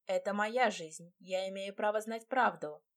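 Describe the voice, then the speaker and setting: A woman voicing a quick-tempered young bride who answers with sharp, indignant retorts. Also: medium pitch, natural voice. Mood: demanding.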